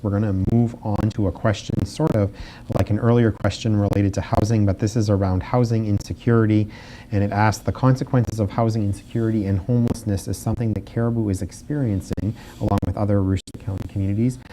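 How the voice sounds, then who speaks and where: A man moderating a candidate forum, keeping time in a brisk, businesslike way. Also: on the low side, steady tone, warm tone, slight background noise, poor audio.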